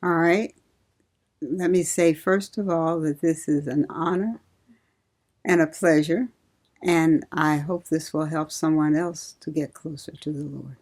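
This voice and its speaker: An older woman from Ohio, a retired nurse, reminiscing slowly and laughing often in an oral history interview. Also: low-pitched, fairly even intonation, a little mellow. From Cincinnati, Ohio.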